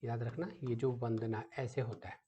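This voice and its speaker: A man's voice: mid-range voice, level tone, normal speed, dark tone, lo-fi sound, a little hiss or hum. A male teacher runs an exam-prep lesson, quizzing students and often checking back with them with rhetorical questions. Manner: repeats "ठीक है" often and asks rhetorical questions; addresses students as "बेटा", patient explaining.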